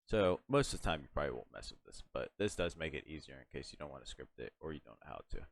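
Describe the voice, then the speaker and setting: A young man with a very deep, low voice walks through a software tutorial in a loose, rambling way. He fills his talk with "uh" and "like", restarts his sentences and yawns now and then. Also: sing-song, fast, vocal fry. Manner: rambling, lots of fillers and restarts, yawning. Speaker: tutorial host. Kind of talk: casual screen-recorded software tutorial.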